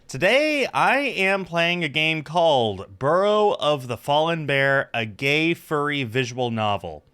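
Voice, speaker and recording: Animated but taking it slowly, a man in his thirties speaks on the high side with a sharp, clean tone. He's a streamer and host doing casual game commentary and reading on-screen text aloud in an indoor room at his setup, music in the background.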